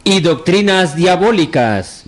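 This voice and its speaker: Slow, high-voiced man reading scripture. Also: expressive, a little hiss or hum. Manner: repeats verse phrases on cue. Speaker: scripture reader.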